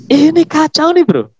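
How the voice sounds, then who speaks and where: A high-voiced pastor talks animatedly in a casual podcast chat, preaching with emphasis and laughing often. The podcast audio is dull and lo-fi.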